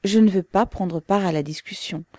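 A woman's voice: mid-range voice, normal speed, warm tone, no echo, clean studio sound, lightly acted. A woman voicing an earnest, proud young woman revolutionary who speaks with restrained intensity.

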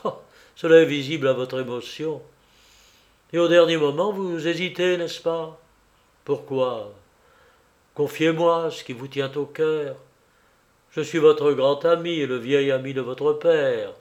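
A man voicing a kindly older male judge who speaks in a soft, reassuring, measured way. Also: on the high side, dull audio, natural voice. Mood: gentle.

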